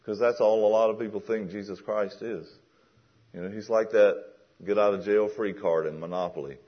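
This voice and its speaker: Low, husky male preacher, lo-fi sound. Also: fairly even intonation, moderate pace. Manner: conversational, rising to emphatic questions. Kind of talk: sermon.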